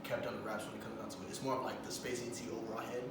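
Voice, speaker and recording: A man's voice: mid-range voice, little pitch movement, racing. A man in his twenties, a rapper and producer, answering interview questions hesitantly and leaning on stock phrases. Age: 20s. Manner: hesitant, repeats phrases like "when it comes down to it". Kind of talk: casual interview. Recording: roomy echo, far from the mic, background noise.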